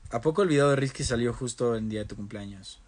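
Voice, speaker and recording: Fast and darkish in tone, his medium-pitched voice carries a touch of hiss or hum. The host, a young man from Mexico, chats on a phone livestream, switching between Spanish and English as he reads out viewer comments and answers them in turn.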